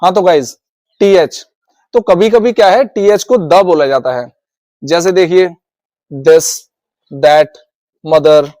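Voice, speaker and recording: High-voiced Indian man teaching pronunciation. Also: unhurried, darkish tone, no echo. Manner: repetitive, addresses viewers as guys. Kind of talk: classroom-style video lesson.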